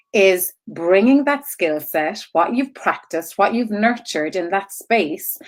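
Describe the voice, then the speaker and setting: A woman coaching in an informal live-stream style, rambling off on tangents and circling back, repeating herself and checking in with listeners as she goes. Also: lowish voice. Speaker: online business coach.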